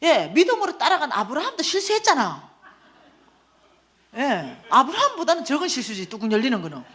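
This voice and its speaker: A woman gives an animated storytelling lecture at church. Her voice sits fairly high and leaps around with wide, lively swings, and she acts out the people in her stories. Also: brisk.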